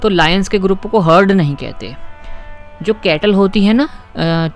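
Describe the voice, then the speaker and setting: A man teaching English grammar, patiently explaining exercises, asking questions and reading example sentences slowly. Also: high-pitched, soft background music. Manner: patient, asks questions and keeps checking with "ठीक है?".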